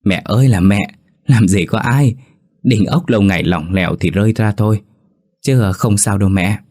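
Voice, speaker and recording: A calm, skeptical young father in a spoken storybook, voiced by a male reader. His very low voice stays reassuring and coaxing as he soothes his family. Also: normal speed.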